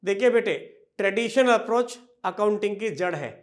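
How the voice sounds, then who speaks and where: This accounting teacher's voice is high, and his lecture has a warm, classroom feel as he addresses students affectionately. Posing questions only to answer them himself, he stretches his words out slowly when dictating entries.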